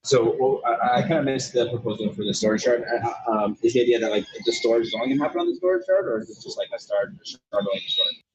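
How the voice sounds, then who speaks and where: A man's voice: medium pitch, quick pace. A man joining a technical meeting while calling in from inside a tunnel, speaking casually and asking questions. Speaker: meeting participant. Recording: muffled call with faint tunnel noise.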